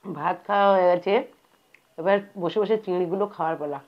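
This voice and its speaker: A woman's voice: on the low side, rapid-fire. A woman hosting a casual eating show, chewing while talking and savoring her food as she comments. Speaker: food vlogger. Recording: dull lo-fi home recording.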